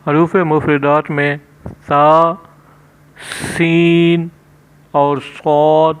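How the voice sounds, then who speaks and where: A man's voice: on the high side, level tone, smooth. A man with a Pakistani Urdu accent teaching Quran letter sounds step by step, holding the letters long and stressing them. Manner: drawn-out, emphatic letter sounds between plain explanations. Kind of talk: step-by-step recitation lesson. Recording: dull lo-fi recording.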